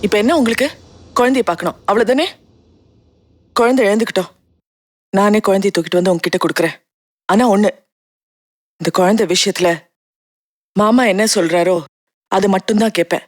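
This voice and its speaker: A woman playing a firm, sharp-tongued young woman. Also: mid-range voice, fairly quick, long pauses, no echo, clean studio sound, lightly acted. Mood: stern. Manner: firm, threatening. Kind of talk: TV serial acting.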